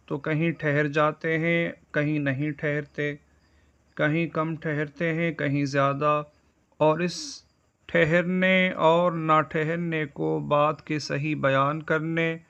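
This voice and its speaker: Male Islamic studies teacher, measured explainer, gravelly and a bit higher pitched, dull lo-fi recording. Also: fairly bright tone. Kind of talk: explanatory religious lesson.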